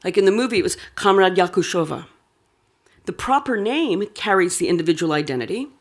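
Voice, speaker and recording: A woman's voice: on the low side, expressive, fairly quick. Woman giving an academic lecture. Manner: reads a prepared text, with asides and fillers. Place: lecture hall.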